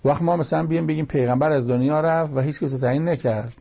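A man's voice: fairly high pitch, vocal fry, warm tone, husky. A man giving a religious lecture, explaining verses in a plain conversational teaching manner with quoted asides. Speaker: cleric.

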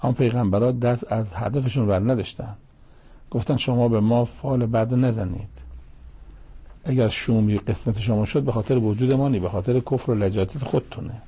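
A man giving a religious commentary lecture in a measured, emphatic way, reciting Arabic verses between his explanations. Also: medium pitch, warm tone, slightly rough. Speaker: Quran commentator.

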